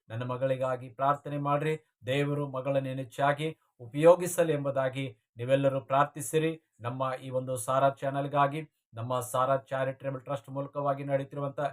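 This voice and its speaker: A man's voice: mid-range voice, steady tone, normal speed. A man hosting his channel, giving a formal, preacher-like devotional address to viewers before a song. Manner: formal preacher-like cadence with repeated blessings.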